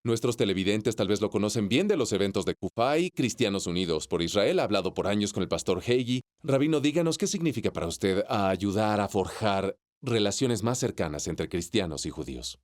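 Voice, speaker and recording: A man's voice: on the low side, lively intonation, a little fast, hardly any pauses. A man hosting a television show, introducing guests and segments with enthusiastic presenting. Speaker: host.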